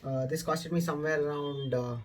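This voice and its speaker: A young adult man with an Indian accent vlogs about motorcycles, speaking casually to camera and explaining things informally from inside a room. His voice is fairly high-pitched and steady in tone, with a brisk delivery.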